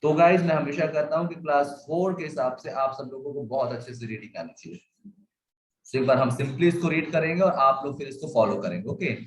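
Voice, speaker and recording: A man with an Indian English accent teaching a bilingual lesson. He recites poem lines slowly in a sing-song way and explains them quickly in Hindi. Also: on the high side, echoey room, low-quality recording.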